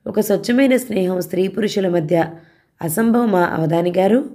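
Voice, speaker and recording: A woman's voice: mid-range voice, normal speed, mellow, close to an everyday voice. A woman voicing a blunt young female office worker who asks teasing, probing questions.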